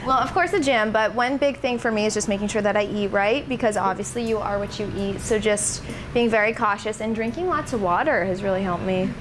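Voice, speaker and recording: Young female pageant titleholder, poised and explanatory interviewee, average pitch, noisy room. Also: a little fast. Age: young adult. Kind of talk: interview answers.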